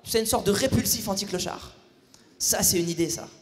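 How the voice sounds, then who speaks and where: Male stand-up, fairly high voice, ironic and playful, hall reverb with faint crowd. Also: brisk. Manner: ironic, playful digs at the audience. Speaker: stand-up comedian. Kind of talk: stand-up routine. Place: theatre stage before a live audience.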